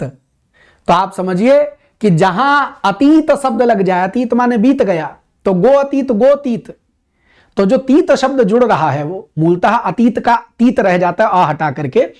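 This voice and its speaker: A man teaching Hindi grammar for an exam, explaining patiently, slowing down to recite verses and repeating key words for emphasis. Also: high-pitched, lively intonation, a little mellow. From India. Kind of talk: exam-prep grammar lesson.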